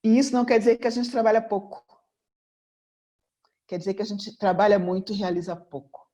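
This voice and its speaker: A woman's voice: medium pitch, fairly quick, warm tone. A Brazilian woman from Rio in her fifties, a mentor and therapist, giving an earnest motivational seminar talk and returning again and again to one rhetorical question. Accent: Brazilian Portuguese. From Rio de Janeiro, Brazil. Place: room before a live audience.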